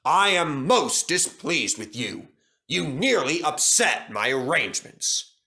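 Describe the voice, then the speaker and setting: A man's voice: a little high, big pitch swings, takes it slowly, sharp tone, full character voice. Man playing a stern, commanding railway director. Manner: authoritative, formal, bellowing when crossed.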